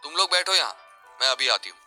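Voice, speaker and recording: A man's voice: a little high, sing-song, bright, forceful tone, soft background music, full character voice. A man voicing a bold, cheeky young woman of twenty-one in a Hindi audio story, sassy and dramatic. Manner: sassy, quick-witted, dramatic.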